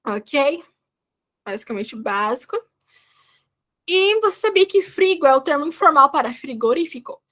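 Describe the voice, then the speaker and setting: A woman's voice: high voice, fairly bright tone. A young woman with a Brazilian Portuguese accent, teaching a Spanish class online and often checking in with her students. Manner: explains patiently, checks in with "tá?" and "né?". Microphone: video call.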